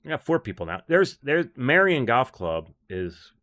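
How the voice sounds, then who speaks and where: A man's voice: medium pitch, big pitch swings, moderate pace, a bit bright. A man who coaches golf, chatting on a livestream in a blunt, rambling, scornful way. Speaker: golf instructor and livestream host. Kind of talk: casual livestream chat.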